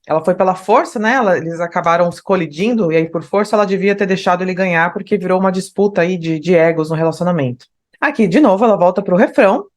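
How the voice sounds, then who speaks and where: A woman with a Brazilian Portuguese accent teaching an online English lesson. She explains step by step, often checks in with "né?", and slows down to read lyrics aloud. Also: lowish voice. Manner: explanatory, tags phrases with "né?".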